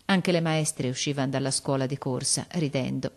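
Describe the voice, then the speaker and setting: A woman narrating a classic children's novel in an expressive reading voice that lifts on names and exclamations. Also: rumbling low, normal speed. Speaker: audiobook reader.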